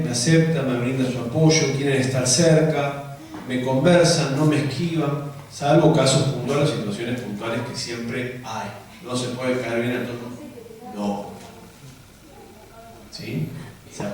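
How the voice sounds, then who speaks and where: A man's voice: a little high, darkish tone. A man with a Rioplatense Spanish accent, preaching a conversational sermon to church leaders and asking the room many rhetorical questions. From Argentina. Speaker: pastor. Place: church hall. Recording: very echoey hall from far off, faint noise.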